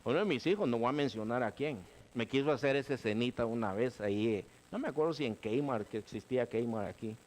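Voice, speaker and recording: A middle-aged male pastor, preaching a sermon with lively, conversational asides. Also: medium pitch, fairly quick, hardly any pauses. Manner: animated preaching, keeps saying "hermano", acts out quoted voices.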